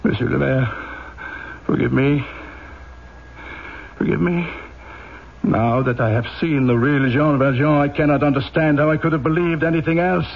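A severe, honour-bound French police inspector in an old-time radio play. His delivery is formal and deliberate, with emphatic self-accusation. The vintage recording is dull and clearly noisy. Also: a little high, fairly even intonation. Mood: stern self-reproach. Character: stern, rigidly honourable French police inspector confessing a fault.

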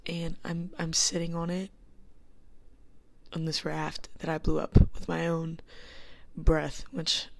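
A woman's voice: sits low, level tone, slow, creaky. A young woman talking on her own podcast from her dorm room into a small handheld mic, rambling and giggly with lots of fillers, often half-whispering. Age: young adult. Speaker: podcast host. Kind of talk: casual solo chat.

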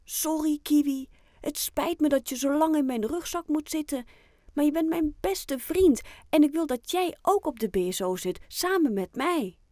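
A woman voicing a shy, stubborn young penguin boy in a children's audiobook, speaking softly and bashfully. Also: sits high, lively intonation, normal speed, dry recording, studio quality, voice pushed up. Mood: tender. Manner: soft, bashful and earnest.

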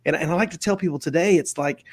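A man's voice: a little high, fast talker, husky. A man hosting a podcast interview, earnest and emphatic, his voice jumping up to stress a point. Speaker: interview host.

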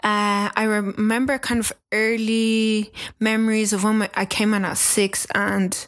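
A woman's voice: mid-range voice, little pitch movement, unhurried, fairly bright tone. A woman in her twenties with an Irish accent, a podcast guest chatting casually, laughing often and acting out the people she quotes. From Democratic Republic of Congo, raised in Ireland. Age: 20s. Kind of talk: casual interview chat.

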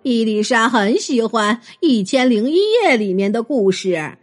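A woman voicing a soft-hearted aunt who speaks softly with sighs. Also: on the high side, expressive, a little slow, faint music behind. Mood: plain. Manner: sighing, soft.

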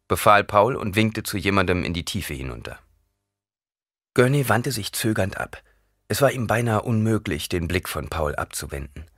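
A man reading an audiobook aloud in an expressive, dramatic narration. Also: low voice, no room sound, clean studio sound. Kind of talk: scripted narration.

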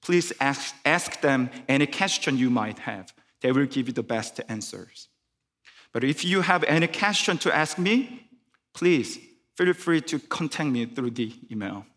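A guest preacher whose first language is Korean delivers a sermon in careful, Korean-accented English, frequently restarting phrases. His mid-range voice is fairly bright, with lively intonation and an unhurried pace. The church sanctuary gives a long reverb tail.

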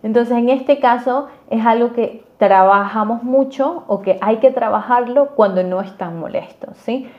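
A woman's voice: a little high, unhurried, hardly any pauses, highs cut off. A woman giving personal relationship advice in an earnest, explanatory way, often checking in with her listeners. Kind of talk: advice talk to camera.

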